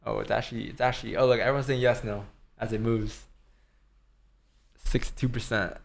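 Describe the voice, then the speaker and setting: A man's voice: medium pitch, fairly even intonation, a little fast, vocal fry. A man giving casual live commentary as a stream host, rambling informally and thinking aloud.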